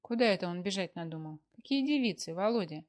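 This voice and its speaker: A woman's voice: medium pitch, animated, quick pace, a little mellow, natural voice. A woman voicing a sulky young wife who speaks in a whiny, reproachful way in a read-aloud story.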